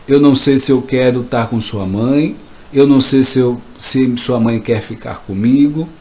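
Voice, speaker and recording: A man's voice: mid-range voice, darkish tone, lightly acted. A man voicing a frightened, confessing father. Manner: repetitive, pleading confession.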